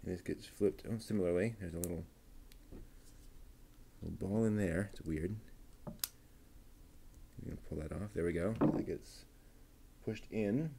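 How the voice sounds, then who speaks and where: A man hosts a livestream, chatting casually and muttering to himself as he thinks aloud while assembling a model kit. His low, warm voice has vocal fry and an unhurried pace. A little hiss or hum sits in the background.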